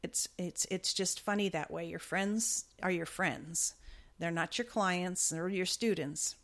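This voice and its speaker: A woman's voice: on the low side, a little slow, fairly bright tone. A woman explaining riding basics in a chatty, step-by-step way, correcting herself now and then. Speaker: riding instructor. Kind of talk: casual instructional talk.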